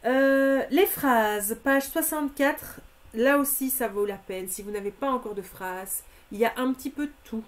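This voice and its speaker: A woman's voice: on the high side, moderate pace. A woman presenting craft products in a live stream, methodically listing discounts and prices and speaking familiarly to her viewers.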